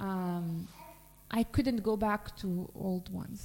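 A woman's voice: mid-range voice, slow. A young woman with an Algerian accent, chatting casually and slipping between English, French and Arabic. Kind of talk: casual chat. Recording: reverberant room.

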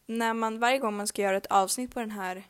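A woman's voice: fairly high pitch, fairly even intonation. A young woman hosting a casual podcast, rambling with many fillers and jokes. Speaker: podcast host.

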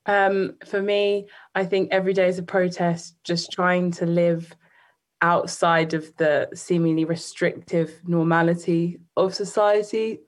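A woman's voice: lowish voice, flat delivery, unhurried. A twenty-year-old woman speaking hesitantly as a panelist. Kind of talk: panel discussion.

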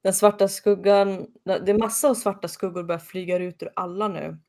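A woman casually recapping a TV episode, animated and jumping into quick comic voices for the characters. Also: mid-range voice.

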